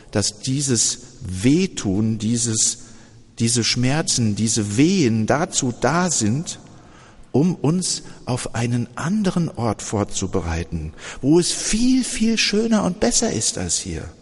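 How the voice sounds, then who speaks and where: A man voicing an unborn girl in a sermon story, gentle and wondering. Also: mid-range voice, big pitch swings, takes it slowly, breathy edge, in a large hall, full character voice. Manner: hesitant, wondering.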